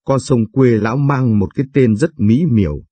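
A man reading a somber short story aloud in a measured narration. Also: medium pitch, mellow, dry recording, dull audio.

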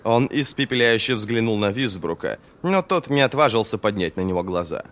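A man narrating an audiobook in a measured, expressive reading. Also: on the low side. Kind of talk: scripted narration.

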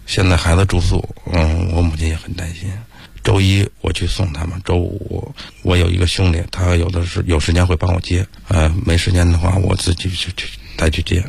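Low gravelly middle-aged man. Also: flat delivery, a little mellow, dry recording. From Beijing area. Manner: plain, halting, matter-of-fact. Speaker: taxi driver guest. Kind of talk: radio interview.

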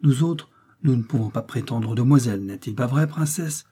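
A sly old steward, as a man reads him in an audiobook, wheedling and plaintive, with a mellow, husky voice pitched a little above the reader's own. He talks humbly, as if always asking a favor. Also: fairly quick, close to an everyday voice. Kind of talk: audiobook reading.

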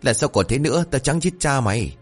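Toothless old sorcerer, put on by a male storyteller: shrill, vain, fast-talking, always scolding. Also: lively intonation, soft background music, natural voice. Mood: angry scolding. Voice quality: shrill lisping voice from missing front teeth. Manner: scolding, cursing, rapid outbursts.

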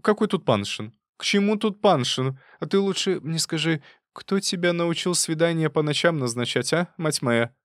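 A man reading an audiobook, voicing a fierce old woman who scolds her niece in a loud, folksy way. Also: a little high, expressive, normal speed, few pauses, no room sound, clean studio sound, voice pushed up, lightly acted. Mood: scolding.

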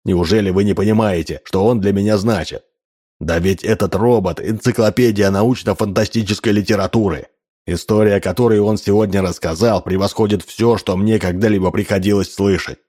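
A man's voice: on the low side, fairly even intonation, brisk, dark tone, lightly acted. A man voicing a stubborn, enthusiastic male writer who argues insistently. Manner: insistent, persuasive.

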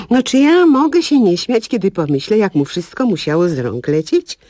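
Aktorka grająca porzuconą kobietę, która z ironią i gorzkim śmiechem opowiada o swoim upokorzeniu. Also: female voice, medium pitch, expressive, normal speed, warm tone, no room sound, clean studio sound, lightly acted. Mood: rueful. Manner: wry, rueful, bursts of bitter laughter. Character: jilted woman laughing through her misery. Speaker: cabaret actress. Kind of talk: comic radio monologue.

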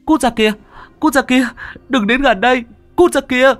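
Terrified little child, played by a man: shrill sobbing pleas in a horror audiobook. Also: normal speed, a bit bright, soft background music. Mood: panicked.

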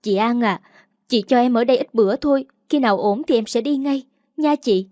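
A woman's voice: on the high side, fairly quick, dark tone, no room sound, clean studio sound, close to an everyday voice. A woman voicing a desperate younger sister who begs in a whiny, pleading way. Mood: begging. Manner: begging, whiny.

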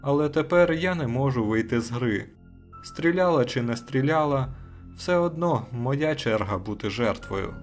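A man voicing a weary young woman who speaks quietly and flatly, resigned to her fate, in an audiobook reading. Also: medium pitch, normal speed, faint music behind, voice pushed up, lightly acted.

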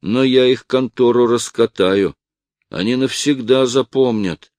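A man's voice: medium pitch, measured pace, darkish tone, no echo, close to an everyday voice. A man voicing a badly beaten young man who speaks weakly, groaning and pleading, bitter about his attackers. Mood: vengeful. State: in pain, weak.

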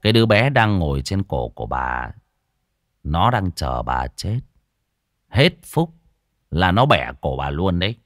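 A man voicing a stern young man in an audio story, speaking low and firm. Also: big pitch swings, unhurried, pauses often, no echo, studio quality. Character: stern, steady young man, grave warnings.

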